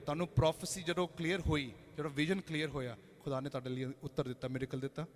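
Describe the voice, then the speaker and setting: A male pastor with a Punjabi accent, preaching a loud call-and-response sermon and mixing in English phrases. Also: fairly high pitch, fairly even intonation, quick pace, big-room sound. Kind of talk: energetic Christmas sermon. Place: church hall.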